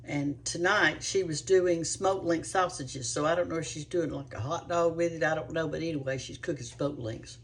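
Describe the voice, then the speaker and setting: A woman's voice: sits low, moderate pace, hardly any pauses, a little hiss or hum. A woman hosting a cooking show, chatting to viewers in a rambling, homespun way. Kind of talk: casual chat to viewers.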